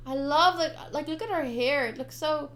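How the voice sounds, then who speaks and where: With game music in the background, a female game streamer gives an expressive, playful and theatrical reading of a visual novel, adding casual remarks. She speaks in a high pitch at a measured pace.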